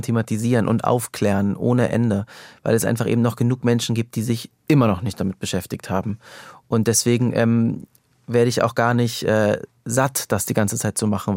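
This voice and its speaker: A man's voice: medium pitch, a little mellow, no room sound, studio quality. A man chatting as a podcast guest, candid and rambling, with frequent fillers and restarts. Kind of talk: casual podcast conversation.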